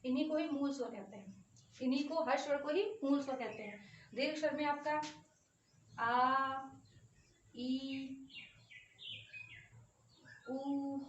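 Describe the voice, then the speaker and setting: A woman's voice: sits high, dull audio, a little hiss or hum. A woman teaching a Hindi grammar lesson for exam prep. She says sounds aloud and draws out the long ones, checking in often with students. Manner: drills vowel sounds aloud, stretching long ones, with frequent "ठीक है" check-ins. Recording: echoey room, voice a bit far from the mic.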